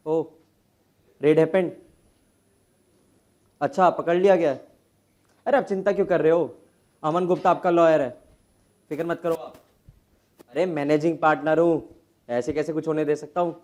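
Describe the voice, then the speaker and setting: A man's voice: fairly high pitch, fairly even intonation, a little mellow, close to an everyday voice. A man playing a frazzled overworked tax lawyer. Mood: bossy. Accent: Indian. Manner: rapid agitated outbursts, mixes Hindi and English. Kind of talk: stage drama acting.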